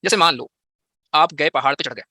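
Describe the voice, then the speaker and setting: A man's voice: a little high, a little fast, sharp tone, no room sound, clean studio sound. A young man teaching physics in a live online class, playful and teasing as he banters with his students.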